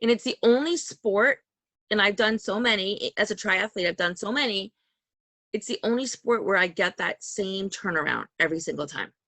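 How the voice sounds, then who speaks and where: A woman's voice: medium pitch, moderate pace, creaky, fairly bright tone, no room sound. A woman hosting a podcast over a call, talking in a chatty, rambling way and laughing often. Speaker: podcast host. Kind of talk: casual interview chat. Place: home call. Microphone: video call.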